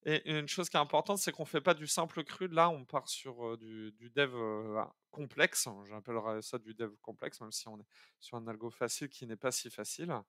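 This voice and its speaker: A man walks viewers through an algorithm on a live coding stream. He talks casually, stops and restarts his sentences, fills gaps with hesitations and thinks out loud as he goes. His voice sits in a middle pitch and sounds dry and close to the mic. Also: normal speed, no room sound. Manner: chatty and hesitant, many fillers and restarts, thinks aloud.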